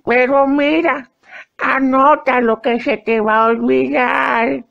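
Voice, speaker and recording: High, gravelly old wife, drawling slowly and demanding, muffled radio. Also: male voice, steady tone, a bit bright, full character voice. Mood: bossy. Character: bossy old wife nagging her husband.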